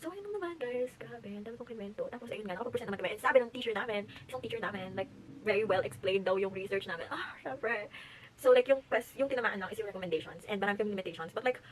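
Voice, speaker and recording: A woman's voice: mid-range voice, racing, a little hiss or hum, rough recording. A young woman, chatting animatedly at home as she tells a story for her vlog. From Philippines. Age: late teens. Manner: chatty, animated, mixes English into Tagalog. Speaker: vlogger.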